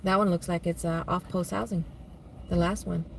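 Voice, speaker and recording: A woman with a lowish, gravelly voice hosts a casual vlog live stream from inside a car, speaking steadily at a moderate pace as she chats with viewers and reads their comments out loud. There's a little hiss or hum.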